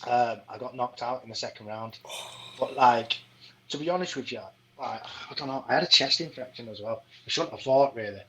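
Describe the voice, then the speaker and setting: A man's voice: mid-range voice, normal speed, fairly bright tone, poor audio. A man, a podcast guest telling fight stories in casual chat, swearing often and asking "do you know what I mean".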